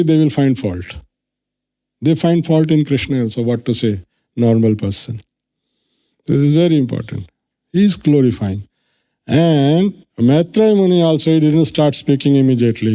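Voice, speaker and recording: Man, temple lecturer, earnest and explanatory, mellow dark tone. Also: on the high side. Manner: earnest, explanatory, quotes scripture and acts out quoted lines. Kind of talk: devotional lecture. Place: temple hall.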